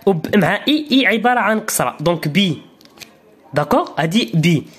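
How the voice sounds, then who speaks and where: Brisk and animated, the teacher is a woman with a Moroccan Arabic accent and a slightly husky voice, leading a lesson for beginners. Her pitch moves around a great deal, and she repeats things patiently while making sure the learner is with her.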